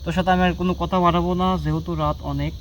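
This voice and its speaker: A man's voice: fairly high pitch, level tone, very fast, slight background noise. A man working as a ghost hunter, confronting an unseen spirit at night with commanding, scolding talk and repeated short orders. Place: outdoors at a bamboo grove at night.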